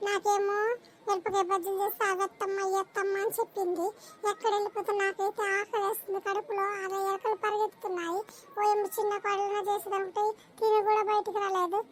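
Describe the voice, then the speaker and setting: A woman's voice: extremely high pitch, level tone, fast talker, pitched below the performer's own voice. A woman playing a weepy old mother-in-law. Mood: grumbling. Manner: wailing complaints with sobs. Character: old village mother-in-law, whiny, self-pitying, hungry. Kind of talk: cartoon voice acting.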